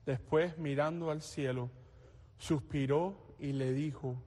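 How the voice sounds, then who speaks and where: A man as priest, reading the gospel and preaching a homily at Mass in a slow, measured way, his voice ringing with cathedral echo in a large church. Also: a little high, steady tone, warm tone. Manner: slow, measured liturgical delivery. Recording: long reverb in a large church.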